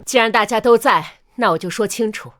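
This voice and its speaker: A woman's voice: a little high, fairly quick, fairly bright tone, faint music behind, lightly acted. An actress playing a fed-up older mother-in-law standing up for herself, pointed and sardonic, in a melodramatic short drama. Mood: cold resolve.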